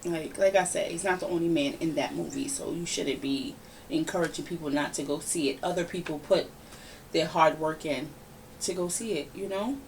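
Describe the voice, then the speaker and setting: A woman hosting a casual podcast, giving her opinions in a lively, ranting, conversational way. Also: deep voice, moderate pace. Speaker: podcast host. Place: home room, relaxed podcast setting. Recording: somewhat distant mic with faint background noise.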